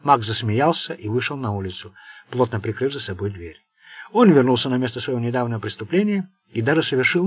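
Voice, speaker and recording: A man narrating a crime novel as an audiobook reader, in steady storytelling. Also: mid-range voice, breathy edge, no echo. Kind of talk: scripted narration.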